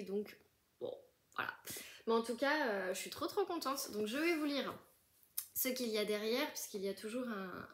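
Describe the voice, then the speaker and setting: A young woman chatting casually through an unboxing, gushing often and full of fillers and restarts. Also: a little high. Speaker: book vlogger.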